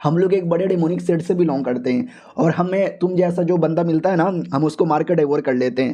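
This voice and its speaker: A man's voice: fairly high pitch, fairly quick, mellow, close to an everyday voice. A man voicing menacing, boastful demon henchmen in a cartoon recap, threatening and greedy.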